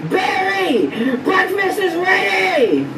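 A man voicing an excited, nervous young male cartoon bee in an animated film, his voice sped up and pitched high. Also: slow, creaky, full character voice. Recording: echoey film audio heard from far off, loud crowd and noise.

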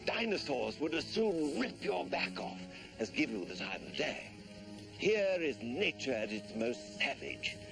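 A man's voice: mid-range voice, big pitch swings, measured pace, vocal fry, over music. A man narrating a mock nature documentary in a pompous, portentous manner.

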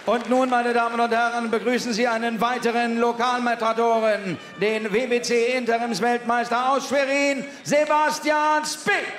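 A man working as a boxing ring announcer, ceremonious and booming, drawing out names as he projects to the arena. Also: steady tone, normal speed, hardly any pauses. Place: large indoor boxing arena. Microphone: announcer microphone over arena PA. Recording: echoey arena PA with loud crowd noise.

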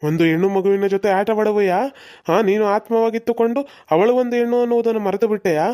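A stern old exorcist priest in a cartoon, speaking in a flat, dark, measured voice and summoning a spirit with slow formal commands. A performer puts him on. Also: mid-range voice, natural voice. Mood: commanding.

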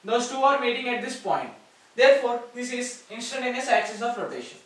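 A man's voice: very high-pitched, brisk, a bit bright. A man with an Indian English accent teaching maths at a board, explaining step by step and repeating key words. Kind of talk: whiteboard lecture. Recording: echoey room, far from mic.

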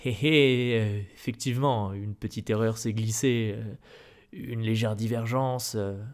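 A man voicing a placid, oily newspaper director who hems and hedges, in a soft-spoken ASMR reading. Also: medium pitch, normal speed, lightly acted. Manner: oily, hesitant with ums. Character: smooth, placid middle-aged male newspaper director, unctuous.

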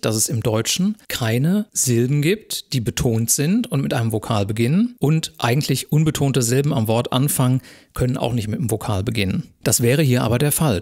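A calm male lecturer walks his viewers through exam questions one step at a time. His voice sits at an ordinary middle pitch, and his delivery is measured and methodical, like a recorded university lesson.

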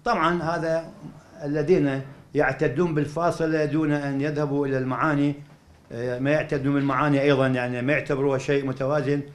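Male academic with an Iraqi accent, a touch high in pitch; explanatory lecture delivery. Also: flat delivery. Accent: Iraqi Arabic. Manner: explanatory, reasons aloud, asks and answers his own questions; recites Quranic verses slowly. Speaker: university professor lecturing. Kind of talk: academic lecture at a cultural evening.

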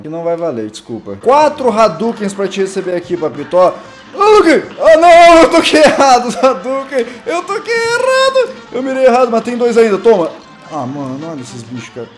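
A young man with a Brazilian Portuguese accent, excitedly commentating his own gameplay, yelping and exclaiming at every hit. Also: fairly high pitch. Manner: excitable, yelps and exclaims constantly, self-mocking. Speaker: gaming channel host. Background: faint game music.

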